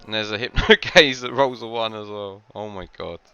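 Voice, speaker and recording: A man's voice: fairly low pitch, normal speed, pushed and bright, dull audio. A man giving casual commentary on a game match, rambling with lots of filler words and frequent laughs.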